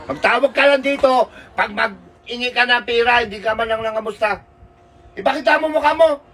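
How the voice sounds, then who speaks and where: A performer playing a homesick father working abroad, who whines and breaks into crying shouts while his child asks for money on a video call. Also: mid-range voice, fairly quick, far from the mic, a little hiss or hum, lightly acted. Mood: exasperated. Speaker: comedy skit character. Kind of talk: comic video-call skit.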